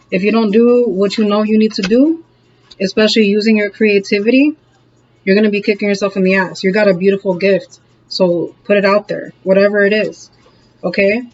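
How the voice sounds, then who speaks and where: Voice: medium pitch, highs cut off. A tarot reader giving a casual, encouraging reading to camera, laughing often and checking in with the audience as they go. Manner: chatty, keeps checking in with "okay?" and "all right?".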